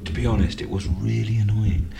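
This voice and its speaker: A man's voice: lowish voice, fairly even intonation, a little fast, gravelly. A man co-hosting a casual radio chat, joking and laughing often, breaking off and restarting sentences. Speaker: radio co-host. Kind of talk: casual banter. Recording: echoey room with loud music behind. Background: loud music.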